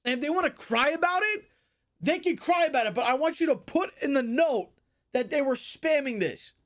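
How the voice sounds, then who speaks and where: Male streamer, young adult. Berserk rage, high strained pitch, wild swings, heavy swearing. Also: expressive, normal speed. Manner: enraged, yelling, sweary. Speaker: livestream host. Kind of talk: ranting to livestream chat. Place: small bedroom streaming setup, indoors.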